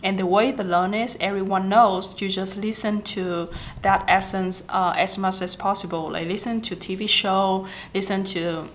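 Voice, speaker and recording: Sitting in a small indoor office with a plant, a Vietnamese-accented vlogger in her 20s shares language-learning tips as casual talking-head advice. Her mid-range voice has fairly even intonation and normal speed, and she's chatty, gesturing often with lots of fillers and self-corrections. There's slight background noise.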